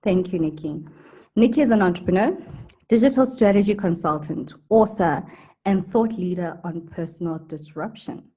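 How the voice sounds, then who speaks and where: A woman hosts a podcast, giving polished introductions and prompting questions. Her voice is mellow and somewhat husky, pitched a little low. The sound is slightly dull and lo-fi. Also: normal speed. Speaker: podcast host. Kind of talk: podcast interview.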